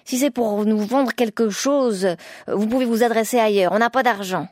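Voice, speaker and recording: A woman voicing a grumbling poor woodcutter's wife who talks in a shrill, bitter, quarrelsome way. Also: moderate pace, no echo, close to an everyday voice. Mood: bitter complaining.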